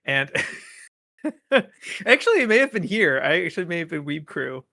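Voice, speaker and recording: A man's voice: fairly high pitch, very animated, normal speed, gravelly, pushed and bright, dry recording. A man hosting a podcast in casual chat on a live video call, rambling and laughing between thoughts. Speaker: podcast host. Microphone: computer mic on a call.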